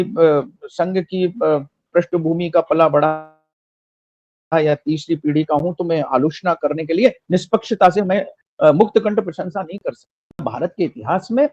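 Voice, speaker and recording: A man's voice: on the high side, darkish tone, no room sound. A man giving impassioned political commentary, rhetorical and emphatic, repeating phrases for effect, on a dry, slightly dull recording.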